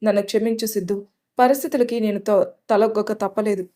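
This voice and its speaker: A woman's voice: medium pitch, fairly even intonation, a little fast, mellow, lightly acted. A woman voicing a young bride who is torn and tearful at times and stern and resolute at others. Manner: tearful, then firm.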